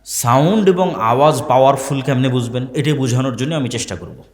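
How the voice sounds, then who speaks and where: A man's voice: mid-range voice, brisk. A man preaching a sermon to a live audience, asking the crowd questions and repeating key phrases. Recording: long hall reverb.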